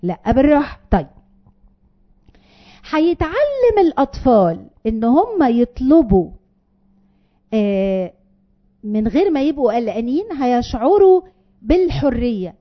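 A woman's voice: on the high side, big pitch swings, measured pace, pauses often, lo-fi sound. A woman with an Egyptian Arabic accent gives a parenting advice talk to an audience, earnest and explaining, with many fillers. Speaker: parenting speaker.

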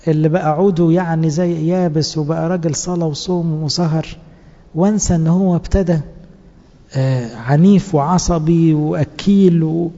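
This Egyptian-accented man preaches to church servants with a slightly high, dark voice, pressing them earnestly and posing one rhetorical question after another. It's a sermon captured as muffled lo-fi audio that echoes around a large hall.

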